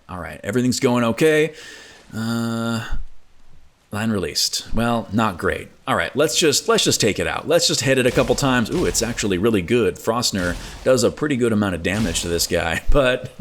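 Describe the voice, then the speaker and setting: A man giving casual, chatty commentary over his own gameplay, laughing often at his mishaps. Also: lowish voice. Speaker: gaming video host.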